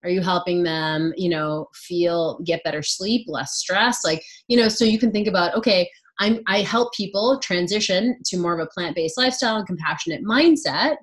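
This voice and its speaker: A woman's voice: fairly low pitch, normal speed, few pauses. A woman coaching a group in a casual, reassuring way, full of fillers. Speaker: business coach leading a group call.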